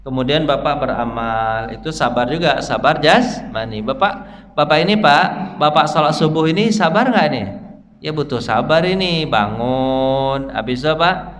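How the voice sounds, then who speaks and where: A man with an Indonesian accent giving a casual mosque sermon, lively and joking, often quizzing his listeners. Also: fairly high pitch, moderate pace. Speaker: ustadz giving a dawn mosque study talk. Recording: reverberant mosque hall, faint ambience.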